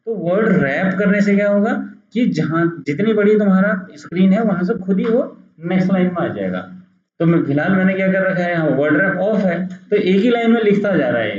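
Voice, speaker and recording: A man's voice: a little high, darkish tone. Man teaching a computer lesson, echoey room. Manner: patient, repeats "dekho" while pointing things out. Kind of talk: screen-recorded software tutorial. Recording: roomy, dull lo-fi sound.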